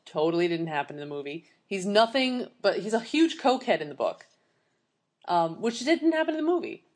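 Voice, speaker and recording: A woman's voice: medium pitch, big pitch swings, a little fast. Woman, casual movie chat, blunt, opinionated, casual swearing.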